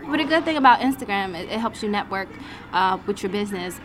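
A woman's voice: medium pitch, lively intonation, quick pace, background noise. A woman in her twenties, a nail technician, talking frankly and confidently in a casual interview in a nail salon. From United States. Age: 20s.

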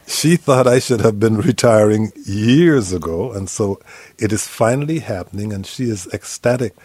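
A man's voice: on the low side, a little mellow, no room sound. Older Guyanese-born man hosting radio. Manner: measured, deliberate delivery. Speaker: radio talk show host. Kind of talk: radio talk show conversation.

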